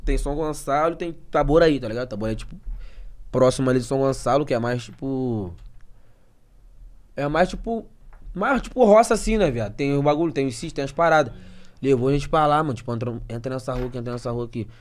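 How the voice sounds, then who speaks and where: A man's voice: mid-range voice, expressive, quick pace. A young man, a podcast guest telling a story in rambling, slangy casual talk and laughing often.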